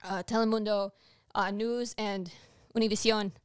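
A woman co-hosting a podcast, talking in a loose, animated way that doubles back and restarts often. Her voice is smooth and clear. The sound is dry and close, at a middle pitch. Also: moderate pace, dry recording. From Latin America. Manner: animated, rambling, frequent restarts. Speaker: podcast co-host. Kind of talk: casual political chat.

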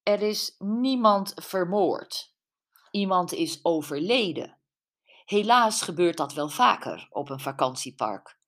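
A woman's voice: lowish voice, big pitch swings, takes it slowly, fairly bright tone, heavily acted. A woman voicing a brusque, dismissive male police officer who speaks formally. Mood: curt.

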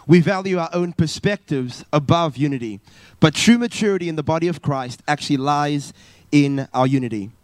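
Preaching on a church stage at a live service, the South African youth pastor in his thirties sounds earnest, with frequent uh's and restarts. His voice sits on the high side, and he keeps a moderate pace. The sound is free of echo.

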